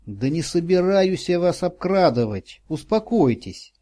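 A man voicing a kind, bewildered passerby who speaks gently and reassuringly. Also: sits high, big pitch swings, measured pace, pitched above the performer's own voice. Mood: soothing.

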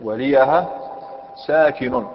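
Male grammar teacher, mid-pitched, methodical with frequent questions to the class; dull recording, long hall reverb. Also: takes it slowly. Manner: explains step by step, asks students questions. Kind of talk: Arabic grammar lesson.

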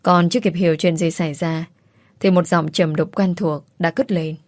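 A woman reads a first-person romance story aloud in a tearful, pleading way. Her voice is fairly low and the recording is dry and close, with no room sound. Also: fairly even intonation, normal speed, darkish tone, no room sound. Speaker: audiobook narrator. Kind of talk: emotional first-person novel narration.

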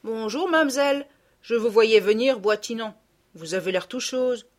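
A woman's voice: fairly high pitch, unhurried, pitched above the performer's own voice, natural voice. A woman voicing a middle-aged peasant gardener woman who scolds and gossips in blunt rustic speech, read as an audiobook character. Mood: gossiping.

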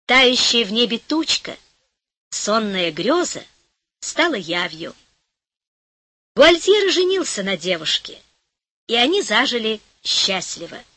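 A woman narrating a fairy tale audiobook with an even storytelling delivery and lively emphasis. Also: a little high, slow pace, long pauses, no room sound.

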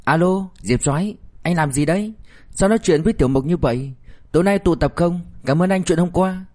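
A man voicing a proud, quick-tempered young woman officer in an audiobook story, speaking with raised indignation. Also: fairly high pitch, a little mellow, pitched above the performer's own voice, lightly acted. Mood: cheerful.

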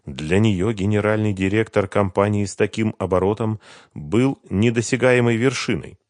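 A man reading a novel aloud as narrator in an even storytelling manner. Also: on the low side, moderate pace, dry recording, studio quality. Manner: even storytelling, voicing all characters. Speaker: audiobook narrator. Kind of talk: scripted narration.

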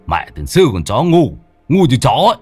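A man voicing a hot-tempered old village man who shouts curses. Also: lowish voice, sing-song, normal speed, dry recording, soft background music. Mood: scolding.

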